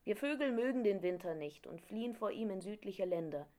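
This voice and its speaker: A woman reading a storybook, voicing a chatty, well-traveled talking songbird in a bright, explaining tone. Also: mid-range voice, lively intonation, fairly quick, lightly acted.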